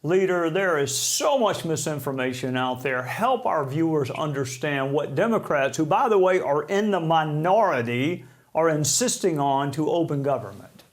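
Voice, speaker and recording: A man's voice: fairly high pitch, animated, moderate pace. A man hosting a live TV news interview, with sardonic, mocking asides. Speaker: TV news host.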